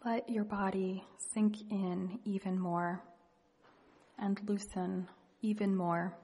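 A woman leading a guided meditation and reading reflective poetry in a hushed, gentle, unhurried manner with long pauses. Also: medium pitch, flat delivery, husky. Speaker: meditation leader. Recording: long reverberant hall echo.

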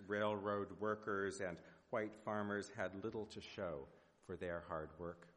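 A man preaching a prepared sermon, speaking in measured, rhetorical phrases with deliberate pauses in a church. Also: lowish voice. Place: large indoor church sanctuary. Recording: reverberant church hall.

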